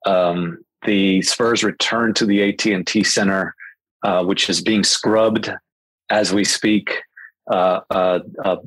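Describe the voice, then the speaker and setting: Man, husky voice, dry close sound, podcast host, casual sports chat, chatty with restarts. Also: low-pitched, fairly even intonation, takes it slowly, fairly bright tone, no room sound, rough recording. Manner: chatty, many restarts and fillers.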